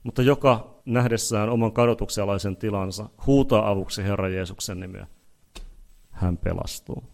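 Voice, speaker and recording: A man preaching an evangelistic sermon, pleading earnestly with listeners, repeating phrases and building to loud peaks before leading a prayer. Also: lowish voice, gravelly. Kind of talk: leads a spoken prayer.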